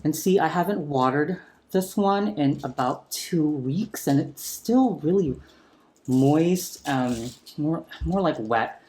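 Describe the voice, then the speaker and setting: Man, casual plant vlog, soft enthusiastic chatter, close-up ASMR mic, indoors at home. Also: a little high, expressive, slow. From San Francisco area. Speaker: plant vlogger. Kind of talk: casual talk-through while repotting. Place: home room with a chandelier. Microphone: sensitive close mic turned up for ASMR.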